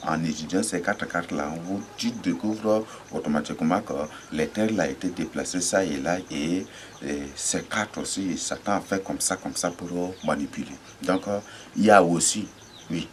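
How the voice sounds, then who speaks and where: Guy doing a bible talk, real low voice, halting and repetitive, faint birds in the back. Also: a little hiss or hum. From Chad. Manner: repetitive, halting, spells words letter by letter. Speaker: religious teacher. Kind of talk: informal Bible teaching.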